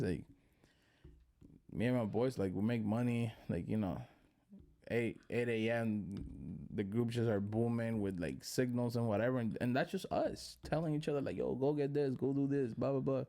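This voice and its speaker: With a warm, mid-range voice at normal speed, this man hosts a podcast and keeps the chat casual, loose, profane, and full of jokes. He is from the Dominican Republic.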